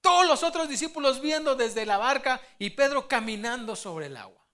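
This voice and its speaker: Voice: high-pitched, expressive, moderate pace, sharp tone. A preacher giving a sermon, telling the story with animation and acting out the quotes.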